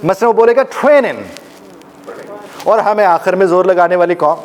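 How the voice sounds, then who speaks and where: Lively man lecturing a workshop. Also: high-pitched, fast talker. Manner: animated, demonstrates pronunciations, joking with the audience. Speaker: life coach and trainer. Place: seminar room with a live audience.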